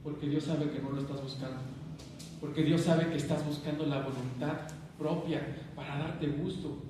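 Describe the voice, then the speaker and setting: A male pastor delivers an animated sermon, firing questions at the congregation. His voice sits a little high. He is heard from some distance in a strongly echoing hall with a faint background hiss. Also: normal speed. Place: church hall. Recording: echoey hall, picked up from a distance.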